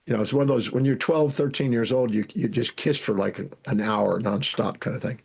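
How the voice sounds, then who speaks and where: An older man with a gravelly, husky voice, telling animated life stories as an interview guest. He talks in a lively way, restarts his sentences often, and keeps a mid-range pitch. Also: a little fast. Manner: animated storyteller, frequent restarts. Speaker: guest speaker and educator. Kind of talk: storytelling interview answers.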